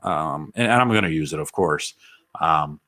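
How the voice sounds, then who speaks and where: A man's voice: rumbling low, animated, moderate pace, bright, forceful tone. A man hosting a casual live Q&A about bowling, rambling and joking as he reads viewer comments aloud. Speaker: bowling channel host answering live chat.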